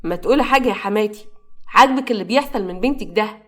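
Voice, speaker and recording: امرأة تؤدي مصطفى، أب مرير ناقم بلهجة مصرية يلوم ابنه بمرارة. كلامه سريع متلاحق. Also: female voice, mid-range voice, rapid-fire, a bit bright, close to an everyday voice. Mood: bitter. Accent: Egyptian. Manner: bitter, reproachful. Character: bitter weary father Mustafa, resentful man.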